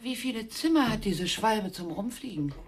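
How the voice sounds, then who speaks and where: A woman's voice: medium pitch, expressive, normal speed, lightly acted. An actress playing an eccentric, domineering mother in a radio play, demanding and theatrical. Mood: jealous. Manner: dramatic, demanding.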